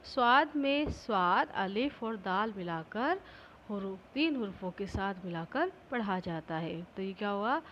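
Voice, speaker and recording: A woman's voice: medium pitch, animated, a little slow, lo-fi sound, a little hiss or hum. A woman school teacher giving a patient classroom lesson, asking questions and answering them herself. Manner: patient, repeats each point, asks and answers itself.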